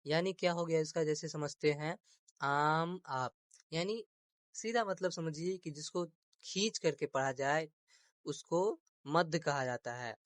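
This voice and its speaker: Man teaching grammar slowly, dry close sound. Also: a little high, no echo. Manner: repeats terms slowly, asks rhetorical questions; mixes English words into teaching. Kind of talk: explanatory grammar lesson.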